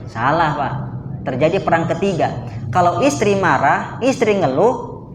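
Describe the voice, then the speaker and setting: A man's voice: fairly high pitch, expressive, a little slow, echoey room, a little hiss or hum. An Indonesian man preaching in a mosque, asking his listeners questions and answering them himself. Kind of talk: lively sermon. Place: mosque hall.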